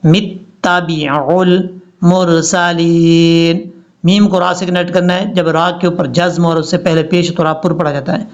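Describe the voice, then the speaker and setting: A man teaching Quran recitation, chanting words slowly and drawn out between quick, plain explanations. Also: high voice, level tone, highs cut off. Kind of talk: recitation lesson.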